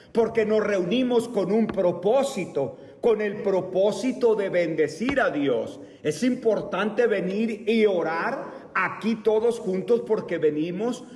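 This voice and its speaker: A man in his fifties teaching a church Bible class, speaking deliberately and asking the class rhetorical questions. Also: high voice, darkish tone. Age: 50s. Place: church meeting room. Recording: echoey hall, mic far off.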